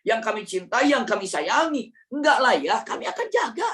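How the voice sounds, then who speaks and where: A man's voice: very high voice, sing-song, moderate pace, bright, forceful tone, distant mic, voice pushed up, heavily acted. A man voicing Yusuf's older brothers as eager young men pleading their innocence.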